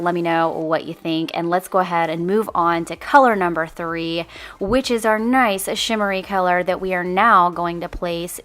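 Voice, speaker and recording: A woman's voice: on the low side, fairly bright tone. A woman hosting a makeup tutorial, chatty and upbeat, talking to her viewers like girlfriends. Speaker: beauty channel host.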